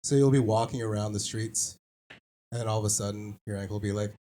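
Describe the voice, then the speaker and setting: A man doing a stand-up comedy set, rambling and exasperated, breaking into loud rants, with an audience laughing throughout. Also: on the low side, steady tone, fast talker. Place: small comedy venue with live audience. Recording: live club recording with loud crowd.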